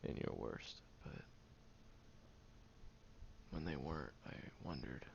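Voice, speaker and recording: In a one-sided audio roleplay addressed to the listener, a man voices a brash, defensive young man who secretly cares. His low, gravelly voice is animated and fully in character, sounding wounded yet resolute as he grumbles, sighs, and speaks bluntly in a halting way. The home recording is dull, with faint noise.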